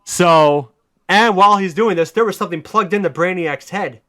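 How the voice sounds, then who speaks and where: Excitable swearing podcast host. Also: male voice, high voice, normal speed. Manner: excited storytelling, heavy swearing, rising to near shouts. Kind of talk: casual chat.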